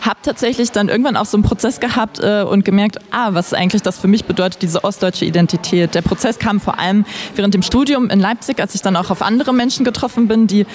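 A woman's voice: medium pitch, fast, a little mellow. A woman from East Germany, workshop leader, talks reflectively about her work. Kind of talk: interview statement.

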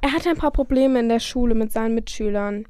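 A woman's voice: fairly high pitch, quick pace, darkish tone, clean tone, dry recording, studio quality, natural voice. A woman playing a dutiful, polite schoolteacher in an amateur audio drama. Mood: apologetic, hesitant. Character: concerned, hesitant female schoolteacher, dutiful and polite.

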